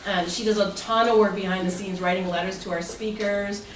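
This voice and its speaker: A club president addresses members in an indoor meeting room, keeping her presentation informal and chatty. She speaks fairly quickly at a medium pitch with fairly even intonation. Captured on a distant mic, the sound is roomy and the room is noisy.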